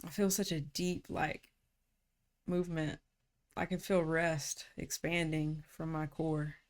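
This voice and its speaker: Woman coach with a lowish voice, calm and reflective, easy casual phrasing, talking through rest and surrender. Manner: calm, unhurried, slips into casual slang. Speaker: personality typology coach.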